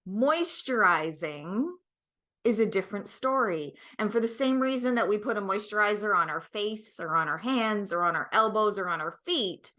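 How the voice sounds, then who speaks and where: Speaking as a guest expert who created a product, this middle-aged woman has an animated, sharp-toned, mid-range voice at a moderate pace. She explains conversationally and with emphasis, frequently making sure the listener keeps up.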